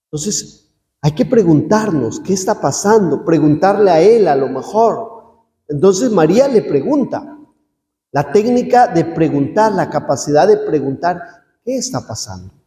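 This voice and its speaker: A priest preaches in a high, mellow voice, talking to his listeners as if in conversation and asking them rhetorical questions. His words ring through a roomy hall with a long reverb tail. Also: animated, a little slow. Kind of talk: sermon.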